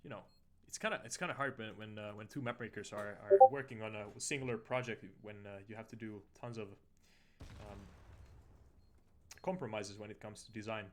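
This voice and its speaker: A man giving casual, somewhat halting esports commentary over a video game match. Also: on the low side, darkish tone. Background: in-game audio bleeding through.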